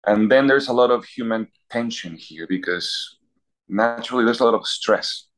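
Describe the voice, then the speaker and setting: A university chaplain priest from Peru answers interview questions thoughtfully, listing examples and clearing his throat at times. His medium-pitched voice is a bit bright and moves at normal speed.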